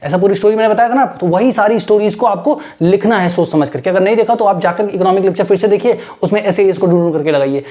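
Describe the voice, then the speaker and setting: Fast-talking male teacher. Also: sits high, dark tone. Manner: explains step by step with constant "right?" check-ins. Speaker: English teacher for exam aspirants. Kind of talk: mixed Hindi-English lecture.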